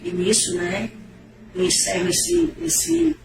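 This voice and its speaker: A woman's voice: medium pitch, sing-song, slow pace. A middle-aged woman, giving an emotional, repetitive religious testimony in a preacher-like manner. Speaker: testimony giver. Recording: echoey, distant, noisy.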